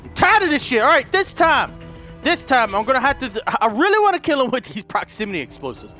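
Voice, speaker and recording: A man hosting a gaming video, giving frantic gameplay commentary, excitable, shouting and cursing at the game. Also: extremely high pitch, fast talker, faint music behind.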